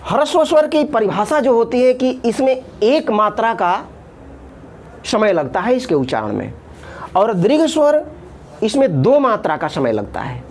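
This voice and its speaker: Lively woman teaching Sanskrit grammar. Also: a little high. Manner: patient, repeats terms in Sanskrit then Hindi, draws out vowel sounds. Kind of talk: classroom lesson explaining at a board.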